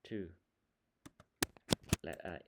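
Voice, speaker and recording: A male English teacher with a Lao accent, slowly explaining vocabulary and sample answers in a casual online lesson, with plenty of fillers. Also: very noisy. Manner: slow, explaining words one by one with many fillers.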